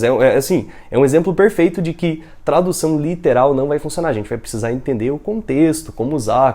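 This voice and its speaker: A young adult man with a Brazilian Portuguese accent, an English teacher giving an upbeat online lesson and modeling English phrases slowly. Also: on the high side, warm tone.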